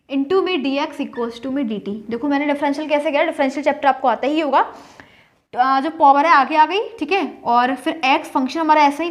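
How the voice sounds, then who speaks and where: A young woman teaching a maths lesson, explaining slowly, repeating each step and checking in with her students. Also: high-pitched.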